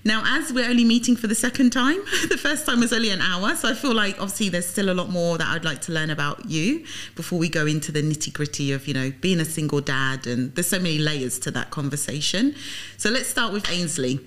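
A woman's voice: on the low side, lively intonation, fairly quick, fairly bright tone. A woman interviewing a guest in a casual, conversational way as a podcast host. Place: studio.

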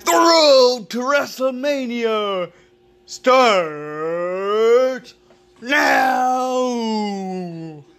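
Man delivering slow, dramatic hype announcements. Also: very high-pitched, lively intonation, a bit bright, clear, resonant tone. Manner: theatrical drawn-out delivery with raised voice. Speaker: wrestling podcast host.

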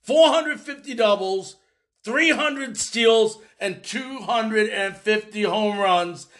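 A man giving an excited, fast-talking opinion monologue to his viewers as a baseball commentator, emphatic and direct. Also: high voice.

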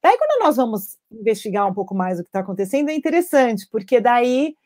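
A woman addiction treatment professional talking in a live stream over a video call, animated, acting out parents' words and tagging sentences with questions. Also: fairly high pitch, a little fast. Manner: animated, acts out parents' quotes, frequent tag questions.

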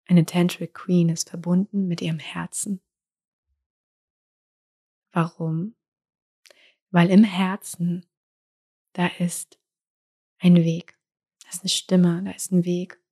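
Woman spiritual coach: husky, unhurried, intimate delivery that slips into whispers. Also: lowish voice, flat delivery. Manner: soft and intimate, drifting into whispers.

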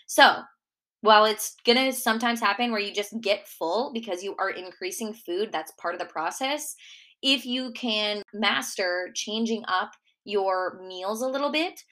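Bright-voiced Minnesota woman podcaster. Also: mid-range voice. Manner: chatty, lots of "like" fillers. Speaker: podcast host and nutrition coach. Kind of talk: solo Q&A podcast.

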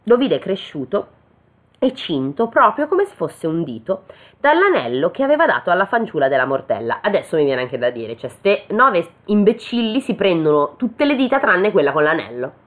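In this clip, a woman with a lowish voice and wide pitch swings reads a fairy tale aloud slowly, now and then stopping to crack jokes. It's a casual reading peppered with chatty asides, and the audio sounds thin and tinny, like a phone.

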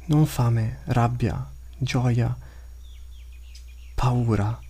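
A man's voice: mid-range voice, extremely slow, warm tone, husky, heavily acted. A man voicing the inner thoughts of a huge, hungry male beast that talks in short, broken phrases. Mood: dying. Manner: terse broken inner monologue.

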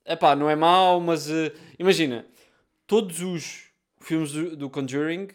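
A man's voice: a little high, measured pace. A young man with a European Portuguese accent, chatting casually as a podcast co-host in slangy speech peppered with English. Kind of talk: casual chat between friends.

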